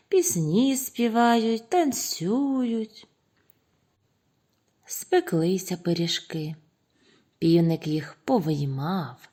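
A woman narrating a children's bedtime fairy tale slowly, at times dropping to a whisper. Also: lowish voice, warm tone. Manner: slow, lilting, sometimes whispered. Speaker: storyteller.

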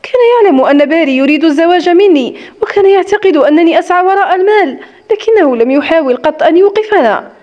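A woman's voice: extremely high pitch, lively intonation, fast, lo-fi sound. A woman voicing a young widowed woman who speaks in a tired, sarcastic way, in an audiobook story. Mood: weary. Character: young widowed woman, bitter, weary and hurt.

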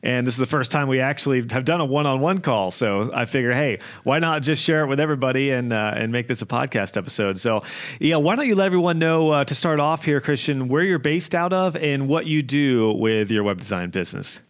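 A man's voice: mid-range voice, expressive, fairly quick. Upbeat young male podcast host. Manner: upbeat, chatty. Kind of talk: casual podcast interview. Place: small home studio. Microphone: podcast mic on arm.

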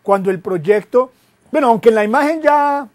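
A high-pitched man lectures a class as a guest web consultant. He keeps it lively, firing off rhetorical questions and poking fun at his own slips. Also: moderate pace. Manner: lively, asks rhetorical questions, jokes at himself.

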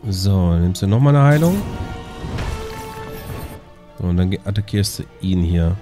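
A man's voice: sits low, expressive, a little slow. Sarcastic man muttering over gameplay. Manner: chatty, sarcastic muttering at teammates. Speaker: let's play host. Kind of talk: casual gameplay commentary. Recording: game music loud behind voice.

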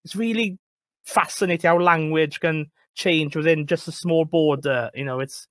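A man's voice: a little high, moderate pace, dry recording. A Welsh man, a librarian, chatting about books in a rambling, hesitant way, often repeating words. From Wales. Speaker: librarian, guest. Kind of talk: casual book chat.

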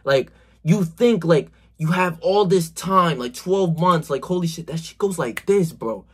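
His voice sits fairly high, slightly rough and animated, though he talks a little slowly. He's a twenty-something self-improvement vlogger on the verge of twenty-one, gesturing heavily as he delivers a slangy, emphatic, profanity-laced pep talk with frequent "bro," filmed by phone in a small bedroom.

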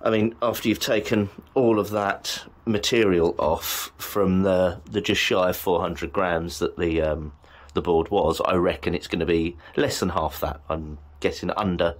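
Low-voiced man chatting through a DIY project. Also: fairly even intonation, measured pace. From England. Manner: rambling, many fillers and restarts. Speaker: bushcraft video maker. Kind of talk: casual DIY vlog narration. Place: small shed and home workshop.

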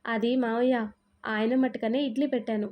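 A woman voicing a gentle, dutiful young daughter-in-law who answers politely in a storybook reading. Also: a little high, fairly even intonation, normal speed, highs cut off, natural voice. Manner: polite, soft-spoken.

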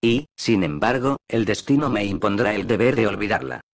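A man's voice: lowish voice, moderate pace, dry recording, studio quality, natural voice. A man voicing a wounded, bitter naval captain in an audiobook, with a gloomy, brooding delivery. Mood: sorrowful.

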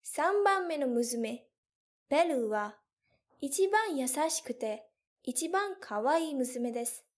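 A young woman teacher telling a story slowly and carefully for learners, with clear, deliberate phrasing. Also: high voice, animated. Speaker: language teacher.

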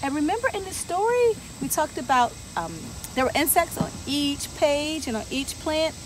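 This is a woman in her thirties holding a children's story time in a garden: she reads a picture book from a bench, then walks the kids through the plants, peppering them with lively questions. She speaks at a moderate pace in a high voice. Sound comes from a camera a few feet away, no mic visible, over steady insect noise.

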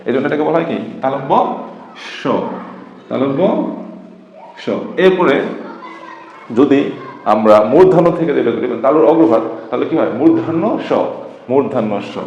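A man's voice: mid-range voice, a little mellow, a little hiss or hum. A man teaching a class-style lesson, who keeps asking rhetorical questions, answers them himself and repeats the key terms. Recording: echoey room, dull lo-fi sound.

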